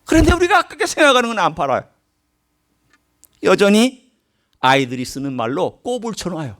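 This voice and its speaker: A middle-aged man preaching a sermon, telling a story and swinging from quiet low asides to high, emphatic calls. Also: sing-song, a little fast. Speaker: pastor.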